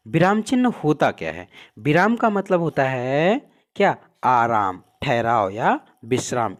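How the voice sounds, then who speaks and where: A man teaching a Hindi grammar class for exam prep. He asks questions and answers them himself, and his voice drops low and soft at the ends of answers.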